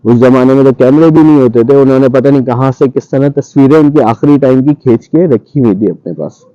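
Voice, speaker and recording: Guy with ish telling a spooky story from his past, dark mellow voice, dry muffled sound. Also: mid-range voice, a little fast, no echo. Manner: animated retelling, acting out his own past lines. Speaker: storyteller guest. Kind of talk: casual spoken ghost story. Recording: dull muffled radio-style audio.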